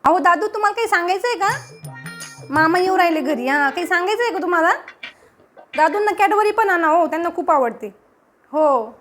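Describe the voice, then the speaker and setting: A woman's voice: extremely high pitch, lively intonation, a little fast, long pauses, a bit bright, soft background music. A woman playing a sweet, doting new aunt in a comedy sketch, coaxing a child and chatting on the phone. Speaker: comedy vlogger acting a new aunt-in-law. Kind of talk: one-sided comedy sketch, talking to unseen family.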